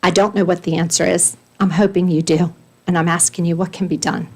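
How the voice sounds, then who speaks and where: A woman's voice: fairly low pitch, flat delivery, fairly quick, darkish tone, husky. A woman reading her own prepared statement at a county board meeting, earnest and pleading, stressing her points in lists. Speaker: resident speaking at public comment.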